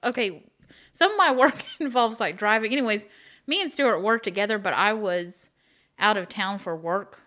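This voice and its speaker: A woman's voice: mid-range voice, fairly bright tone. Chatty woman from Oklahoma, rambling. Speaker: podcast co-host. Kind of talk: casual true-crime chat.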